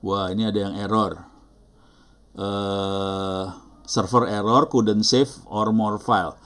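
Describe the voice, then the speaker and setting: A man's voice: on the low side, fairly even intonation, slow, a bit bright. Chatty apologetic Indonesian-accented male teacher. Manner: chatty, apologetic, thinks aloud with fillers. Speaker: instructor. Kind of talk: live online teaching session.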